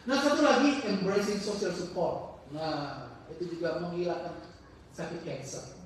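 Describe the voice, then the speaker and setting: A faint hiss and heavy reverberation from a mosque hall surround a distant, high-voiced man teaching a casual religious circle. He speaks haltingly, stopping mid-sentence to find words, then brings his tales to life with acted-out voices.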